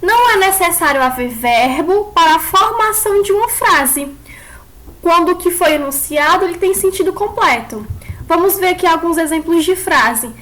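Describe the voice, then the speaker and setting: A woman's voice: very high-pitched, animated, normal speed, a bit bright. A woman teaching an online class, explaining step by step and putting questions to her pupils.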